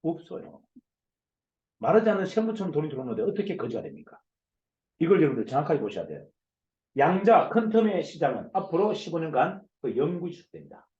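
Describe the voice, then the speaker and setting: A man, a company CEO, giving a forceful motivational lecture over a video call, loud and emphatic, firing off rhetorical questions. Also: on the high side, very animated, fast, roomy sound, lo-fi sound. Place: online video session.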